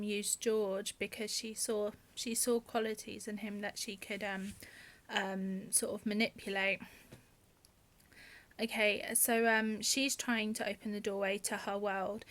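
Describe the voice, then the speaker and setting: A woman's voice: mid-range voice, fairly bright tone. A woman author hosting her own channel, talking casually with many ums and restarts. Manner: hesitant, many fillers and restarts. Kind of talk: casual vlog talk.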